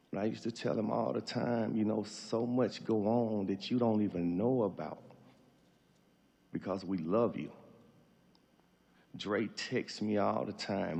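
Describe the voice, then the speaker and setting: A middle-aged man with a husky, gravelly voice giving an emotional, tearful farewell speech as a grieving father, halting as he goes. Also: lowish voice, darkish tone.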